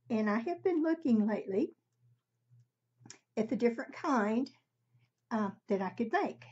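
Husky older woman, slightly muffled. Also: on the high side, a little mellow. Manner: halting, unhurried, conversational. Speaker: craft tutorial host. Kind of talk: casual craft demonstration. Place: home craft room, indoors. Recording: slightly dull, muffled sound.

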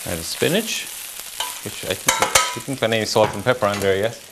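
A man's voice: lowish voice, moderate pace. A man in his thirties, a chef, explaining a recipe step by step as he cooks in a kitchen. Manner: relaxed step-by-step instructions while cooking. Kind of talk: cooking demonstration. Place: home-style kitchen, indoors. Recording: noisy kitchen with sizzling pans. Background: sizzling pans.

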